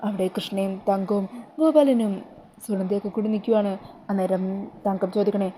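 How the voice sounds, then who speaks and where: A woman's voice: mid-range voice, fairly quick, dark tone, slight background noise. A woman with a Kerala Malayalam accent casually retelling a TV serial episode, speaking the characters' lines herself in a chatty way. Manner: chatty, voices characters' lines with little change. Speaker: storyteller recapping a serial.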